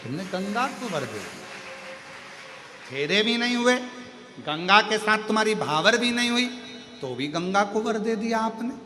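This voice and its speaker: A man's voice: sits high, animated, measured pace, pauses often, sharp tone, a little hiss or hum. A man telling a sacred tale in a dramatic, emotive sermon style. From Madhya Pradesh, India. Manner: dramatic and emotive, breaking into devotional song. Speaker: religious storyteller. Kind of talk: devotional sermon storytelling. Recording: reverberant hall with faint music.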